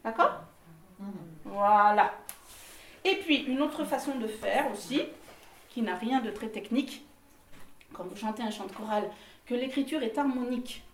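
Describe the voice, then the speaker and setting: A woman's voice: on the high side, unhurried, pauses often. A woman leading a choir singing workshop, explaining technique with frequent laughs and short sung examples. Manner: lively, laughs often, sings examples. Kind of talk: vocal workshop instruction. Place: room with a group of singers. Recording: echoey room, from a distant mic.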